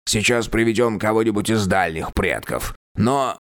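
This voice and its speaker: A man voicing a dead, mummified old king who is cheerful and curious, speaking slowly and drawing out his words in an audiobook reading. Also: on the low side, a bit bright, lightly acted.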